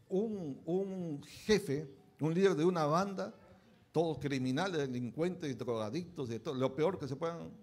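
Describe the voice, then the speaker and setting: A man's voice: a little high, darkish tone. A pastor preaching a conversational sermon, often checking in with his listeners with short tag questions.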